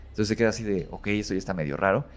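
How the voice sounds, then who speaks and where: A man's voice: fairly low pitch, racing. A man casually retelling a horror story as a guest, rambling with many fillers and self-corrections.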